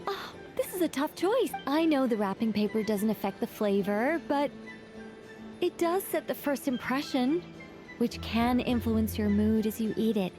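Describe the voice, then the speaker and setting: A woman playing a dainty, fussy young woman in a video game, earnest and dreamy as she deliberates. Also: a little high, expressive, natural voice. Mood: earnest, torn. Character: dainty, fussy young woman who savors small choices. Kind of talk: video game character acting. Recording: music behind the voice.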